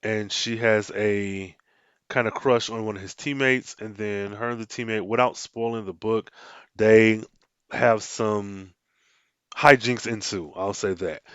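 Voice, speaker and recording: A man's voice: medium pitch, dry recording. Chatty male podcast host, dull dry sound. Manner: animated, frequent restarts, mock-dramatic quotes. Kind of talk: casual solo podcast talk.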